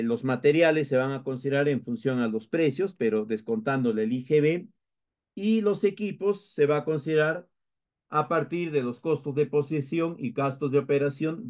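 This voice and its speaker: A man's voice: medium pitch, darkish tone. Peruvian man lecturing, muffled recording. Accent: Peruvian Spanish. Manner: explanatory, with frequent hesitations and restarts. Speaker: instructor.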